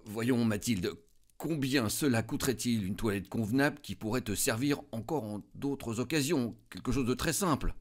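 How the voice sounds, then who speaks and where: A man's voice: mid-range voice, normal speed, voice pushed up, close to an everyday voice. Man doing a stammering timid husband. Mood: anxious. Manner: stammering, anxious to please. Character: timid, well-meaning clerk husband. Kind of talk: read-aloud storytelling.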